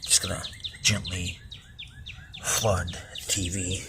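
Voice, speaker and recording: A vlogger in his twenties rambles casually while working outdoors under a roof in a backyard, tossing out mumbled asides and offhand swearing. His voice is low-pitched and flat, and he speaks slowly over heavy background noise.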